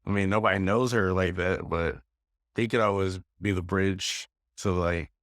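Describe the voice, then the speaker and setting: A man's voice: sits low, fairly even intonation, moderate pace, fairly bright tone, no room sound, clean studio sound. A man co-hosting a podcast in casual chat, laid-back and rambling, laughing often. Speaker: podcast co-host.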